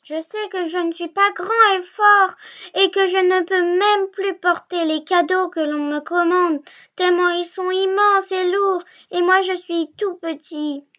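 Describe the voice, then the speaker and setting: Woman as tiny storybook Father Christmas: very high, slow, plaintive. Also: fairly even intonation, a bit bright. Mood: tearful. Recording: dull lo-fi recording.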